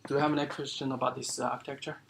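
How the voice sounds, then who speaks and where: A man giving an academic seminar lecture as the speaker, explaining in a halting way with many fillers and restarts. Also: mid-range voice, little pitch movement, creaky, fairly bright tone, a little hiss or hum. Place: lecture room.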